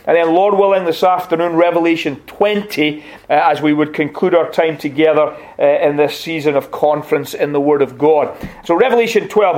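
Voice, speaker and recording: A visiting pastor from Scotland, middle-aged and high-pitched, reads scripture aloud and gives a warm, gently humorous, conversational sermon in a church sanctuary.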